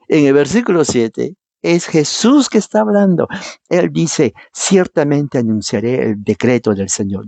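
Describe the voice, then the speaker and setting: A man with a husky, slightly rough voice delivers a verse-by-verse Bible teaching sermon. He reads scripture aloud and explains it with emphasis, often turning to the congregation with rhetorical questions. The sound is dry and close, at a middle pitch. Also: darkish tone, dry recording. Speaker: preacher.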